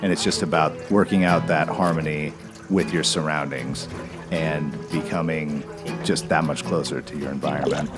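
Very deep-voiced laid-back man. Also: steady tone, moderate pace, loud music behind the voice. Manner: laid-back, musing, filler-heavy. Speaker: musician talking about fly fishing. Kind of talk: relaxed reflective interview.

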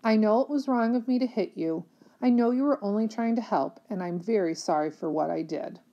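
A woman's voice: medium pitch, a little fast, mellow, lo-fi sound, voice pushed up, close to an everyday voice. Woman voicing a contrite young boy. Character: scared young boy apologizing.

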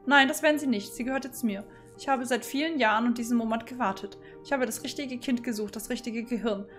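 A sinister old doctor who speaks with cold calculation, as a woman reads his lines. The voice sits a touch high and stays calm and measured. Faint game music plays underneath. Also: lightly acted. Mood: menacing.

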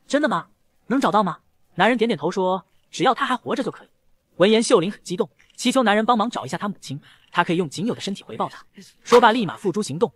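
Rapid lively male story narrator. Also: high-pitched, husky, no room sound. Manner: rapid, lively, voices both lovers in dialogue. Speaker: comic recap narrator. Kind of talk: fast scripted story narration with acted dialogue.

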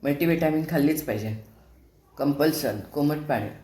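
A woman's voice: low-pitched, brisk, reverberant, noisy background. An older woman, host of a home vlog, chatting casually while cooking, asking rhetorical questions and scolding in a homely way. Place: home kitchen.

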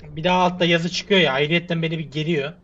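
A man's voice: fairly high pitch, fairly even intonation, quick pace, a bit bright. A man giving frustrated gameplay commentary, muttering to himself, sighing and cursing at the game. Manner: exasperated, muttering to himself, swearing and sighing prayers. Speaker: gamer. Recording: slightly muffled with faint hiss.

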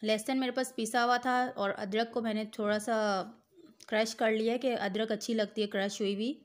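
A middle-aged woman in her home kitchen guides viewers step by step through a home recipe, addressing the listener directly as a cooking host. Her slightly high voice sounds patient and instructive, with a steady tone and a moderate pace.

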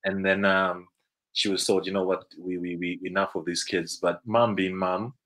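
Zimbabwean guy, very low voice, rambling chatty storytelling over a webcam call. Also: flat delivery, normal speed, a bit bright, low-quality recording. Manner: rambling, many restarts and fillers. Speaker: guest, business co-founder. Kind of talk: casual interview storytelling. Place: indoor room, video call. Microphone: video call webcam.

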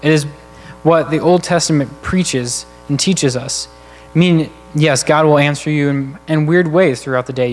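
A man preaching a sermon in a church, speaking earnestly and conversationally while working through numbered points. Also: a little high. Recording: long church hall reverb.

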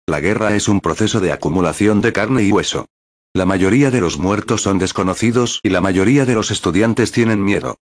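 A man narrating a web novel in a steady, even reading. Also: lowish voice, a little fast.

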